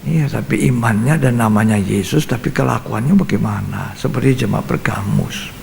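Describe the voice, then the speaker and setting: A man's voice: mid-range voice, normal speed, gravelly, darkish tone, slight background noise. An older man preaching a Bible study sermon as pastor, emphatic and repetitive, acting out scenes, in a reverberant church hall.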